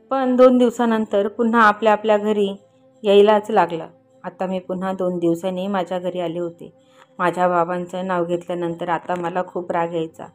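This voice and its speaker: A woman tells a first-person story in an earnest, confiding voice of middle pitch. She speaks the quoted lines of the people in it herself. Soft music plays quietly behind her.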